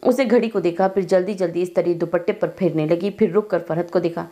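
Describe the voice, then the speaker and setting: A woman reads a domestic novel aloud with steady, expressive storytelling. Her voice is lowish for a woman. The tone is dark and mellow, never bright. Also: a little fast. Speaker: narrator.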